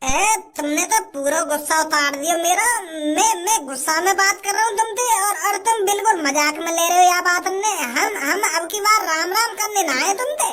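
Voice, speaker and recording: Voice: extremely high pitch, normal speed, hardly any pauses, a crowd in the background. A performer voicing a whiny, lovesick young cartoon man who pleads to marry his sweetheart. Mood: indignant. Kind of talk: cartoon comedy dubbing.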